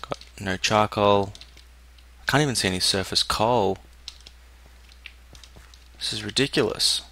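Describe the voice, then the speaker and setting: A young man talks through his game in a low, gravelly voice. He mutters and thinks aloud in a relaxed running commentary, close to a desk mic with a faint hiss behind him. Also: unhurried, pauses often. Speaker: gameplay commentator. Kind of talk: casual let's-play commentary.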